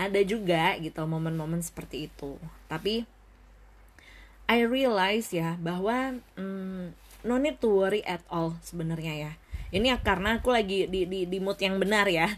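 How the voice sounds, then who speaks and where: A young woman talking casually to her viewers in a reflective vlog, often dropping English phrases into her speech and pausing to think. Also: mid-range voice. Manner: thoughtful, pauses with many fillers. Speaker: vlogger.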